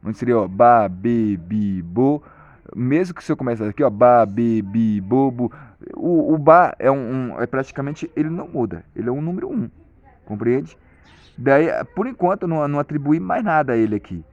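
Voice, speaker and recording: Man, casual tutorial presenter, halting and repetitive delivery; mid pitch, dull close recording. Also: expressive, a little mellow. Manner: hesitant, many restarts and repeated "compreende?". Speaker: video lesson presenter.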